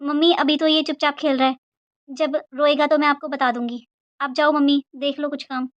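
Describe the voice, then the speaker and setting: Casting: a woman as a quiet, wounded young mother in a cartoon, soft, high-pitched voice. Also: level tone, moderate pace, no room sound, highs cut off, lightly acted. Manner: soft, subdued, resigned. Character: weary, hurt young mother staying at her parents' home.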